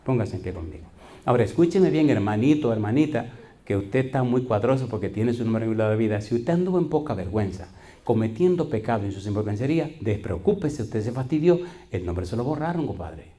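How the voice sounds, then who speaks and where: Animated and quick, a middle-aged man's dark, mid-range voice carries a sermon full of folksy stories and quoted voices. The pastor keeps questioning his congregation, preaching with call-and-response.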